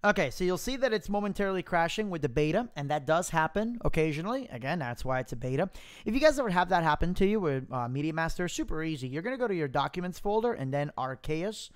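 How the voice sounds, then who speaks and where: A man presenting a software demo in a casual live tutorial, informally thinking aloud into a close mic with popping plosives. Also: fairly high pitch, sing-song, fast talker, clean tone. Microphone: close mic without pop filter, popping plosives.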